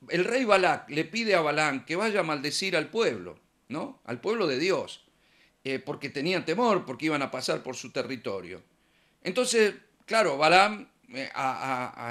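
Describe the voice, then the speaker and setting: Rioplatense guy preaching, chatty, acts out the voices in his stories, pitch sits a bit high. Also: pushed and bright. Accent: Rioplatense Spanish. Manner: conversational, acts out dialogue in examples. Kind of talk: sermon.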